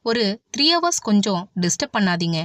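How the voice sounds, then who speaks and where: A woman voicing a brisk, matter-of-fact hospital doctor. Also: high voice, very animated, fairly bright tone, dry recording. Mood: businesslike. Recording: dull, dry audiobook recording.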